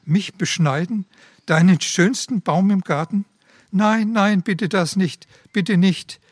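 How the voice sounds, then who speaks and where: A humble bamboo tree begs in a trembling, slow plea, its voice pitched a touch high, as a man reads it aloud. The storybook figure then sinks into hushed surrender. It is close and dry, with no room sound. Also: dry recording. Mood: pleading. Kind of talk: read-aloud parable.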